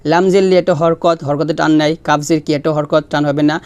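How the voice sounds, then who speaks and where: A man teaching Quran pronunciation, spelling out letters one by one and stretching the recited words in a long chant. He explains the rules quickly and asks listeners to repeat after him. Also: a little high, fairly even intonation, clear, resonant tone.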